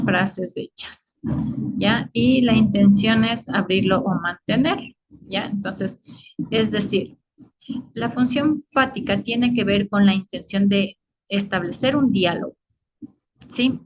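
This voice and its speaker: A woman's voice: mid-range voice, takes it slowly, low-quality recording. Lady teacher on a video call, explaining, lots of "eh" and "sí?" checks. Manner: explanatory, many fillers and checking questions. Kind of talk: online lecture.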